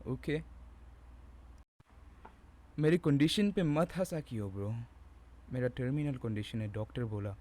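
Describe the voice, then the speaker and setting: A man's voice: mid-range voice, expressive, a little slow, pauses often, dark tone. A young man, chatting casually to camera at home in a rambling, self-mocking, slangy way. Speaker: vlogger. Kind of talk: casual joking chat to camera.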